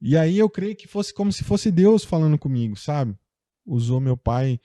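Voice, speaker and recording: A man's voice: a little high, lively intonation, normal speed, mellow, dry recording, clean studio sound. A young Brazilian man, a guest in a casual interview, telling a personal story in a loose, chatty way full of fillers. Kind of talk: casual conversation.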